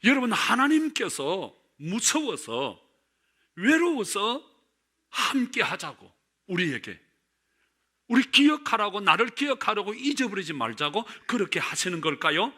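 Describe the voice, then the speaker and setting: Forceful, high-voiced pastor preaching. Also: male voice, big pitch swings, measured pace, husky. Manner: emphatic, swings between loud and hushed. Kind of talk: Sunday sermon.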